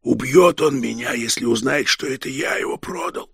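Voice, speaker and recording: A man giving voice to a cowed ex-convict peasant who mutters his answers low and grudging, at times in a whisper. The voice is gravelly and husky, recorded close and dry for an audiobook. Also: animated, a little slow, no echo, heavily acted. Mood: muttering. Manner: muttering, grumbling, sometimes whispering. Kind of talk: audiobook character reading.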